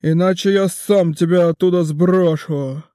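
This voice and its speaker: A man voicing a burly bass-voiced man who bellows rough threats from below, in an audiobook. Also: steady tone, unhurried, warm tone, no room sound, studio quality. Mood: furious bellowing. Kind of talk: audiobook character voice.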